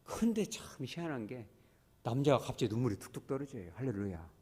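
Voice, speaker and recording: A man who is a pastor, preaching a sermon as animated storytelling with sudden shifts between loud and soft. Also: medium pitch, a little fast, husky.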